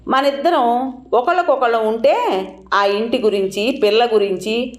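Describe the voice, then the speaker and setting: A woman's voice: a little high, measured pace, voice pushed up, natural voice. A woman playing a bossy, scheming sister-in-law. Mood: coaxing. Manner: coaxing, reproachful, sly. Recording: roomy echoing recording.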